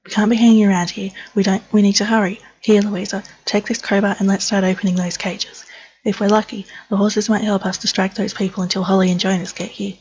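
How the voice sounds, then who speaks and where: A worried, cautious father from a horse game, read out by a woman in her own voice, earnest and pressing. Middle pitch, with a slightly dull, lo-fi home recording. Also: little pitch movement, fairly quick, darkish tone, a little hiss or hum, lightly acted. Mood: resolved.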